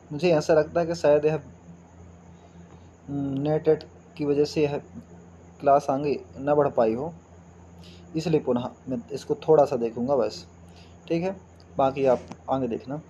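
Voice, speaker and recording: Slow high-voiced Sanskrit teacher. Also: male voice, warm tone, a little hiss or hum. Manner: reads verses slowly then explains word by word, asks rhetorical questions. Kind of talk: line-by-line text explanation lesson.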